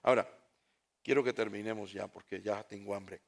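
A man preaching a sermon, swinging from hushed tones to shouts and asking the congregation rhetorical questions. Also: fairly low pitch, steady tone, moderate pace, vocal fry.

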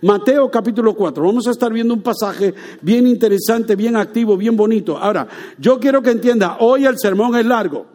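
A man preaching a lively sermon, joking with and quizzing his congregation. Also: sits high, brisk. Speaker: pastor.

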